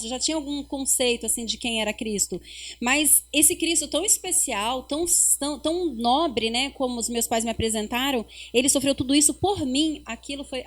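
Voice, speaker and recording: Woman, middle-aged, high voice, casual church podcast chat, reflective testimony. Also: a bit bright. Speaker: podcast guest.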